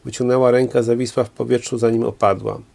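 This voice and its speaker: Gravelly male reader narrating a novel. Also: medium pitch, little pitch movement, fast, darkish tone. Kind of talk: reading a novel aloud.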